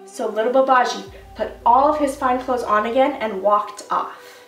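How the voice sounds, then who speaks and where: High-voiced woman reading a children's story. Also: normal speed. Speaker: teacher. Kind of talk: storybook read-aloud for children. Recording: echoey room, distant mic, soft music.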